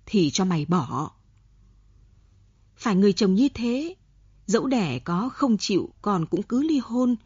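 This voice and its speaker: A woman reading an audiobook, voicing a proud older mother who scolds her grown daughter in a sharp tone. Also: medium pitch, sing-song, unhurried, long pauses, slightly rough, no echo, lo-fi sound. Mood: scolding.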